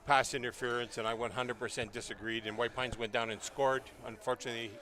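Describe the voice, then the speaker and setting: Talking fast in a medium-pitched, level voice that sounds pushed and bright, a man calls live color commentary. He sits in the press booth at an outdoor stadium, chatty, opinionated and heavy on fillers.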